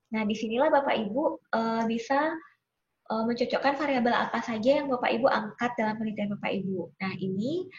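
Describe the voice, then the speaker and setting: A woman lecturer patiently walking students through a statistics software tutorial, often checking in with them. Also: fairly high pitch, muffled recording. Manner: patient, addresses listeners politely, frequent "ya" checks. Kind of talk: screen-recorded software tutorial.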